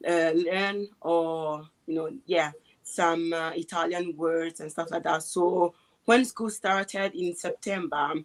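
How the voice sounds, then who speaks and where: Relaxed low-voiced woman in her twenties. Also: slow pace. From Ghana. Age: 20s. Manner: relaxed, hesitant, with many fillers and restarts. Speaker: guest. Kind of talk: casual interview chat.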